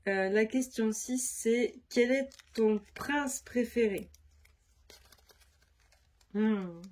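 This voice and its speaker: A woman's voice: fairly high pitch, very slow, a little mellow. A woman vlogger chatting casually to camera, her voice nasal from a stuffy nose, rambling with many fillers. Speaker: crafts vlogger.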